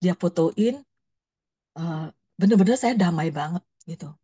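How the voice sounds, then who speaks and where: A woman's voice: on the low side, animated, a little slow, dark tone, slightly rough, dull audio. A woman pastor, telling a personal testimony in a sermon, emotional and storytelling, acting out her own prayers.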